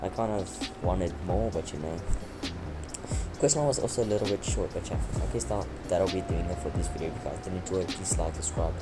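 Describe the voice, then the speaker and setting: Fairly quick and low-voiced, a young Afrikaans speaker rattles off rambling, filler-laden commentary on his game. His YouTube voice-over is laid over loud game music.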